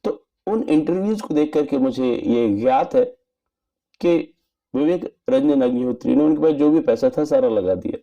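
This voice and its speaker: A man giving an earnest, measured spoken movie review in formal wording. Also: mid-range voice, animated, warm tone, highs cut off. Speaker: film reviewer.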